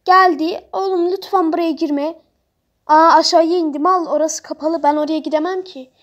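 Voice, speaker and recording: Very high-pitched, excitable woman gamer. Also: normal speed. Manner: excitable, blunt, mouthy trash talk at other players. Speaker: gamer playing on a role-play server. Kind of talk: live let's-play commentary.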